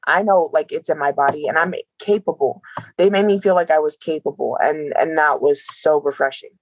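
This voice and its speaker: A young adult woman, a professional wrestler, telling stories in an interview in a grateful, animated way. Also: low-pitched, fairly quick, no room sound. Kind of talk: casual interview storytelling.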